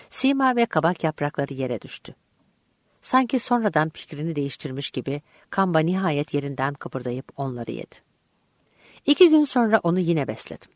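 An audiobook narrator reading a first-person story aloud in an expressive, vivid way. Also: medium pitch, dry recording, clean studio sound.

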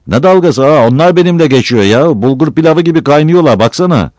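A man's voice: mid-range voice, big pitch swings, brisk, a little mellow, no room sound, clean studio sound, pitched above the performer's own voice, lightly acted. A man voicing a lazy, cheeky young village man who jokes his way out of everything. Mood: joking. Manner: joking, easygoing.

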